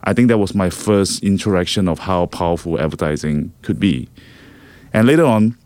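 A man's voice: low voice, moderate pace, a little mellow, dry recording. A middle-aged man from Singapore, a guest on a podcast, speaking in a reflective way and repeating words as he thinks. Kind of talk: casual interview.

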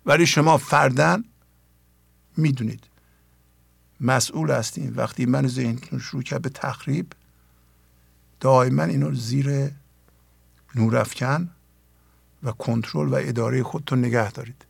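Earnest man with a gravelly voice. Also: medium pitch, fairly even intonation, pauses often, no room sound. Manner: questioning, earnest, addresses listeners directly. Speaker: spiritual teacher and program host. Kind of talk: spiritual teaching talk on poetry.

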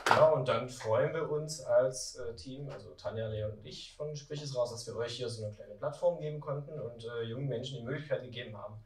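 A man's voice: mid-range voice, a little fast, few pauses. A man hosting a live event, speaking casually and hesitantly with many fillers. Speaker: event host. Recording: echoey room, from far off, faint noise.

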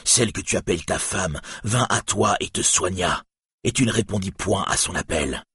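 Man playing a bitter, anguished storybook cripple, low husky voice. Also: lively intonation, normal speed, fairly bright tone, no echo, studio quality, full character voice. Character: lame man, bitter, grief-stricken.

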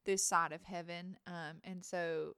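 A woman, softly and reflectively sharing a faith testimony. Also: fairly low pitch, flat delivery, a little slow, clean tone, no room sound, studio quality.

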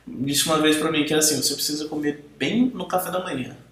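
A man's voice: fairly high pitch, fairly even intonation, fast talker, fairly bright tone. A man co-hosting a podcast, rambling through explanations and defending his opinions. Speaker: podcast co-host. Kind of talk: casual podcast banter. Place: podcast recording room. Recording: very echoey room.

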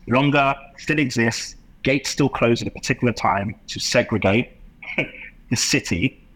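Low, husky-voiced man. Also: a bit bright, rough recording. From West London, England. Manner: reflective, impassioned, talks in long rambling runs with restarts. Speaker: podcast guest, entrepreneur. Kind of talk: casual interview chat.

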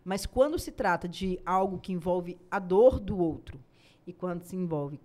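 A woman's voice: on the low side, lively intonation, mellow. A woman with a Brazilian accent, a reporter on a podcast, who speaks earnestly and often restarts her sentences. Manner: earnest, halting with repeated words. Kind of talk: casual podcast conversation.

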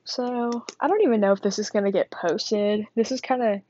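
A woman's voice: mid-range voice, steady tone, moderate pace, mellow, highs cut off. Rambling teenage girl, out of breath. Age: teens. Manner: rambling, chatty, self-deprecating with frequent fillers. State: winded, out of breath. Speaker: student vlogger. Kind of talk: casual rambling monologue.

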